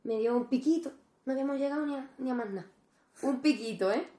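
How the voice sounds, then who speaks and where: A woman's voice: sits high, quick pace. A young woman, a podcast co-host telling a personal story in casual chat, acting out the people she quotes. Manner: animated storyteller, acts out quoted dialogue. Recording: roomy echo.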